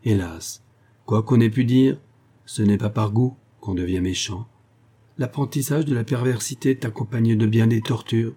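Husky dark-voiced male narrator. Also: mid-range voice. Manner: measured, expressive reading. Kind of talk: audiobook reading of a classic story.

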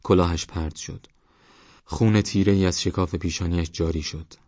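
A man narrating an audiobook in a calm, measured, even reading voice. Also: low-pitched, no echo, highs cut off.

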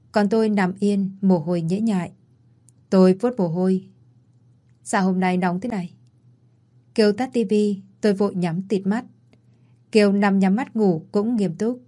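Female storyteller, mellow tone, reads all the dialogue herself in one even voice. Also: medium pitch. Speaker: narrator. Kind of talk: reading a romance story aloud.

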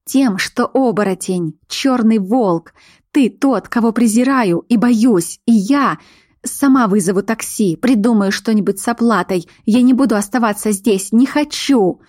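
A woman's voice: a little high, unhurried, darkish tone, dry recording, clean studio sound. A woman voicing a frightened but defiant young fox-shifter woman in an audiobook, speaking in a raised, agitated voice.

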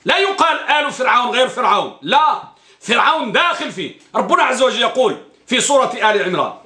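A man's voice: very high voice, expressive, fast talker, bright, forceful tone, reverberant. A man teaching an Islamic studies class, asking his students questions and answering them himself, and repeating key phrases. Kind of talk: classroom lecture on a hadith text.

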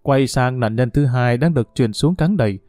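A man's voice: medium pitch, moderate pace, a little mellow, no room sound, clean studio sound, faint music behind. Man reading an audiobook story. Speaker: narrator.

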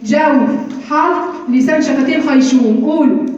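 High-voiced Egyptian woman teaching in an echoey room. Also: darkish tone. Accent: Egyptian Arabic. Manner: drills by repetition, asks and answers her own questions, teasing and brisk. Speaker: Quran recitation teacher. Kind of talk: classroom lesson with drills. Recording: very echoey, distant and dull-sounding.

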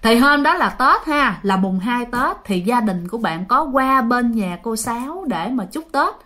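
A woman with a Southern Vietnamese accent tells a ghost story, chatting straight to her listeners. Her voice is a little high, expressive and sharp, and she takes her time.

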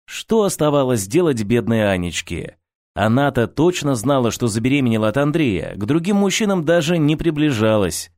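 A man narrating an audiobook story in an expressive storytelling manner. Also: mid-range voice, moderate pace, no room sound, clean studio sound.

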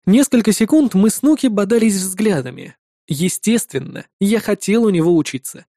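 A man narrating a fantasy audiobook in the first person, lively and wry. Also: high-pitched, moderate pace, no echo, studio quality.

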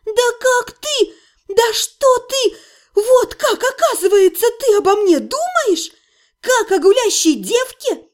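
A woman voicing a sharp-tongued young witch heroine in an audiobook, quick-tempered and indignant. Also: very high voice, expressive, voice pushed up. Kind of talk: audiobook reading.

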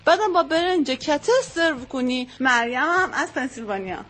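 Woman, gilaki accent, high voice, recipe walk-through, faint music. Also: animated, a bit bright. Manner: explains a recipe step by step. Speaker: contestant.

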